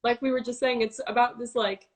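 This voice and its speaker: A young woman with a slightly raised pitch chats over a phone video call. She is eager and agreeable, jumping in quickly to echo and build on what she hears. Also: flat delivery. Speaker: livestream co-host. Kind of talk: casual chat.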